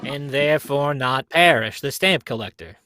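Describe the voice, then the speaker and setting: A man playing a brisk, skeptical police inspector in an old-time radio mystery, blunt and colloquial. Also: mid-range voice, pushed and bright, no room sound, clean studio sound, close to an everyday voice. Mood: confident.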